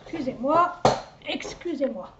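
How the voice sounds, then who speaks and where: Chatty high-voiced woman, dull lo-fi sound. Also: expressive, measured pace, very noisy. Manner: chatty, rambling, self-mocking asides. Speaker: psychic medium doing a card reading. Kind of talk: casual chatty live reading. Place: at home, indoors. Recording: dull lo-fi home recording.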